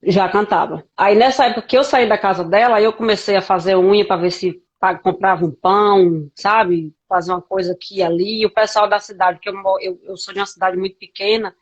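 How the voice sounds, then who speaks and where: A woman from Brazil, a podcast guest telling her life story frankly in a halting way, with many restarts. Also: mid-range voice, fairly even intonation, highs cut off. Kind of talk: candid conversational interview.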